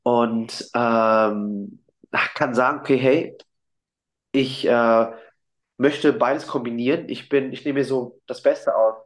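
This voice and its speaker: A man's voice: medium pitch, steady tone, takes it slowly. A German-born man, a singer, talking earnestly and hesitantly in a casual interview, with many fillers and restarts, heard over a video call.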